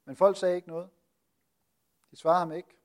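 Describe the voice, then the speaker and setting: A man preaching and teaching on a Bible passage, asking lively rhetorical questions and pausing often with hesitations. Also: high-pitched.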